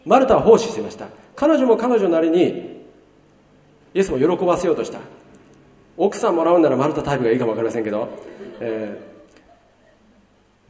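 Male pastor, sermon, bursts of emphasis, heard from afar in a reverberant church hall. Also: on the high side. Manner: lively preaching, swinging between loud emphasis and hushed asides. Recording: roomy hall reverb from far off.

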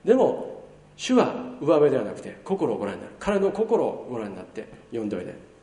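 A man's voice: mid-range voice, a little fast. Male pastor, sermon, bursts of emphasis, heard from afar in a reverberant church hall. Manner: lively preaching, swinging between loud emphasis and hushed asides. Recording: roomy hall reverb from far off.

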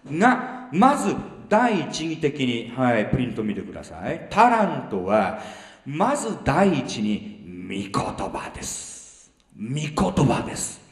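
A middle-aged man preaching a sermon in a conversational way, often checking with the congregation and dropping into quiet asides. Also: on the high side, a little slow. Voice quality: animated, swings between loud emphasis and quiet asides. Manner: conversational, asks the congregation "ok?" and "you see?". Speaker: pastor. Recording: echoey hall heard from a distance.

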